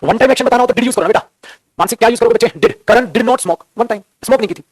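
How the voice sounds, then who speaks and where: Man, grammar tutor; rapid, husky, drills points by repetition and rhetorical questions. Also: very high voice, no room sound. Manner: addresses students as beta, repeats key phrases, asks and answers his own questions. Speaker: English grammar teacher. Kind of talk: classroom grammar lesson in Hindi.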